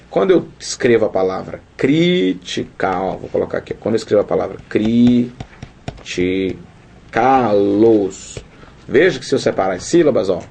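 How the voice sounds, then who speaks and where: A man with a medium-pitched, gravelly voice teaches Portuguese grammar in a lively video lesson, with slight background noise. He's playful and colloquial, speaking directly to the viewer and acting out students' questions.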